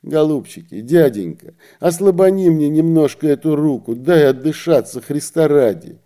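A man's voice: on the high side, lively intonation, moderate pace, dark tone, pitched above the performer's own voice, natural voice. Man doing a fretful wailing peasant woman. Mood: fretful pleading. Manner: pleading, wailing.

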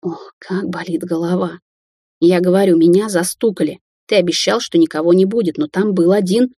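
A woman's voice: lowish voice, steady tone, moderate pace, mellow, slightly rough, no room sound, clean studio sound. A woman reading voices a dazed, lovestruck young woman who gushes breathlessly and gets flustered easily in an audiobook.

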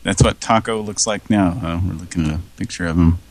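A man's voice: brisk, no echo. A man chatting casually as a podcast co-host, rambling and hesitant with filler words. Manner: rambling, hesitant, bursts into goofy high yelps. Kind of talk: casual chat.

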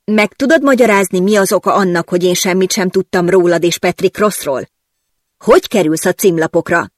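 An audiobook narrator voicing an angry, impatient male newspaper boss who barks commands and yells. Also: medium pitch, dry recording, studio quality, close to an everyday voice. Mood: demanding.

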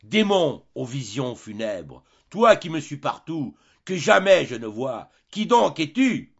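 A man's voice: fairly high pitch, big pitch swings, slow, breathy edge, highs cut off, pitched above the performer's own voice, exaggerated voice. A man reading aloud voices a despairing fallen emperor who cries out into the darkness, his voice climbing in anguish. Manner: rising anguished outcry.

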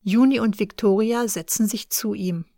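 A woman narrating an easy German audiobook for learners, clear and careful. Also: medium pitch, steady tone, moderate pace, mellow, no room sound, clean studio sound.

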